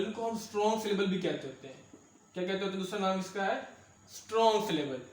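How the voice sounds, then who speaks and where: A fairly high-pitched man explains a lesson, repeating key words and asking his listeners if they have followed. He speaks in an echoey room. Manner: repetitive, checks understanding with "ठीक है दोस्तों"; mixes English terms into Hindustani speech. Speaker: English teacher. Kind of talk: classroom lecture.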